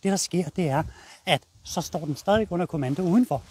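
A man's voice: a little high, a little mellow, husky. A man with a Danish accent, a dog trainer explaining his method in a blunt, casual way while walking a dog outdoors.

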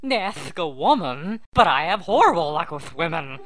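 A man voicing a vain, greedy, excitable cartoon duck, theatrical and wisecracking, with a slushy lisp. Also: on the high side, normal speed, soft background music. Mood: smug. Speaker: amateur voice actor in a fan dub. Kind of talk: exaggerated cartoon voice acting.

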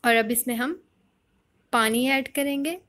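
A woman hosting a home cooking channel, calmly explaining a recipe step by step in a voice-over. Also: on the high side, unhurried. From Pakistan. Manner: calm step-by-step instruction.

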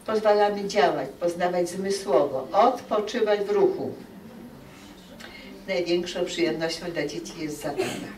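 Lively woman lecturing in a hall. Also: lowish voice, unhurried, distant mic, a little hiss or hum. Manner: lively, acts out quoted parents and children. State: dry throat. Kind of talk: open lecture to teachers. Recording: echoey hall, recorded from afar.

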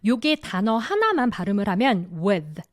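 A woman teaching an online English lesson who explains patiently, step by step. She slows right down to say the model sentences. Her voice sits at a middle pitch and sounds dry and close. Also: very animated, dry recording. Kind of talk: online grammar and pronunciation lesson.

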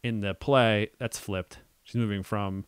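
A man's voice: on the low side, fairly even intonation, a little slow, clean tone, dry recording. A young man co-hosting a casual podcast about a film adaptation, thinking aloud with many ums and restarts. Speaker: podcast co-host.

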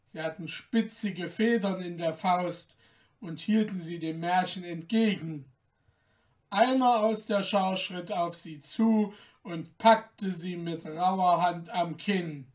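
Slow, gentle male storyteller. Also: high-pitched, distant mic. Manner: calm, gentle, measured storytelling. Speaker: storyteller, podcast host. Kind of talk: fairy tale reading.

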